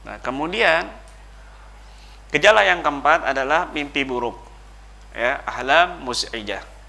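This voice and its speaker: A man's voice: fairly high pitch, animated, unhurried, vocal fry, pushed and bright. A man giving a religious lecture, emphatic in his delivery, with frequent "ya" and "eh" fillers. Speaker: Islamic teacher.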